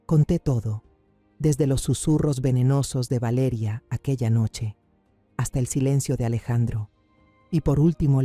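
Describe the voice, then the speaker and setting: A man's voice: mid-range voice, dark tone, dry recording. A man reading a somber, dramatic first-person story as scripted narration.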